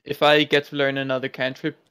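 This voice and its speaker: A man's voice: mid-range voice, monotone, a little fast, pushed and bright, clean tone. A man casually asking rules questions as a player in a tabletop game.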